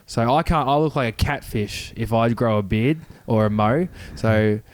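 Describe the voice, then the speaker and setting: A man's voice: medium pitch, moderate pace, no echo. A man, chatting casually as a podcast co-host. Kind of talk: casual chat.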